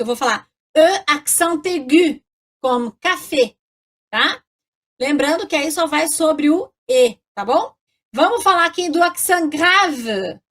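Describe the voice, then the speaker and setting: A woman with a high voice teaches a casual French lesson. She talks in a friendly, chatty way and checks in with her listeners after almost every phrase. She slows down to spell and pronounce French words. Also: a bit bright. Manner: chatty, checks in constantly with tag questions.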